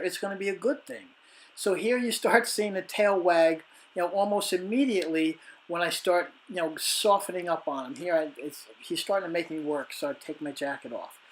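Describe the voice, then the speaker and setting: A woman dog trainer calmly explaining her training and patiently encouraging a dog with frequent praise. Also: fairly low pitch, echoey room, far from the mic.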